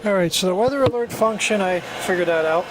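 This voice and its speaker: A product reviewer demonstrates a CB radio in a casual, plainspoken, hands-on way, speaking in a high-pitched voice at a slightly fast pace. This informal amateur recording is noisy, with a loud hum in the background.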